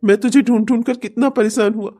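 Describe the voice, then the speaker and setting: A woman's voice: fairly high pitch, steady tone, fast, mellow, natural voice. A woman voicing a loving, relieved middle-aged father in a cartoon, speaking tenderly. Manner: tender, pleading. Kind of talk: cartoon voice acting.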